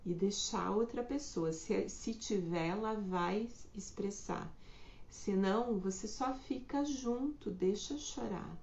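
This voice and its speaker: Woman in an echoey room, slightly hoarse. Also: slow pace, darkish tone, lo-fi sound. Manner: reflective, acts out quoted remarks in a higher voice. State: slightly hoarse, clearing throat. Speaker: host of a live talk on communication. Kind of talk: casual live talk, explanatory.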